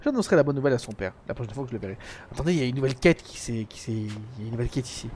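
A man's voice: mid-range voice, expressive, racing, darkish tone, slight background noise. A French man reading and acting out game dialogue on a live stream, switching between character voices and playful asides.

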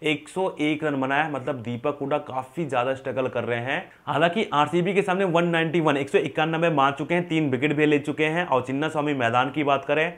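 A young man giving a fantasy cricket rundown to camera, quizzing himself with quick questions and answering them, recorded on a lapel mic in an indoor studio. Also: fairly high pitch. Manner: rapid, animated hand gestures, self-asking "who?" then answering. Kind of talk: fast scripted-free stats rundown to camera. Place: indoor studio with printed backdrop. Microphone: lapel mic, medium framing.

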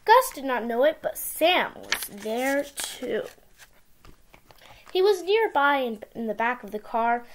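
A woman reading a picture book aloud to young children with simple, expressive storytelling, recorded in a small room on a device mic. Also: high voice, slow pace, a little hiss or hum. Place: small indoor room with bookshelves.

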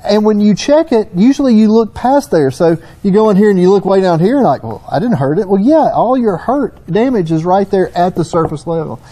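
Middle-aged Southern US man, folksy technical explainer; high-pitched, mellow tone. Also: animated, brisk, few pauses. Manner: folksy, storytelling. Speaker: engine consultant.

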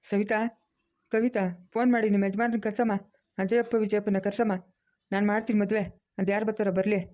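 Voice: medium pitch, little pitch movement, brisk, a little mellow, lightly acted. A performer voicing a stern elderly grandfather in a cartoon family drama, scolding and commanding.

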